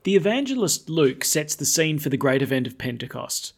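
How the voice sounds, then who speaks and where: A man speaking as a priest, giving scripture readings and a sermon in a measured, solemn, declamatory way. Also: fairly high pitch, big pitch swings, gravelly, slightly rough.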